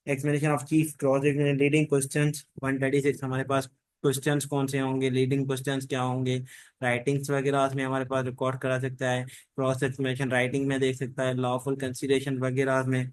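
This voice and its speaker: In a monotone, mid-range voice on a dry recording, a man teaches an online law class fairly quickly. He rambles informally, reuses stock phrases, and blends Hindi-Urdu with English legal vocabulary.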